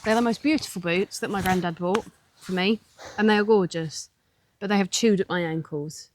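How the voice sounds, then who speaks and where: A woman's voice: mid-range voice, moderate pace, a little hiss or hum. A young woman chatting casually as a vlog co-host, giggly and self-mocking. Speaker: vlogger co-host. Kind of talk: casual chat.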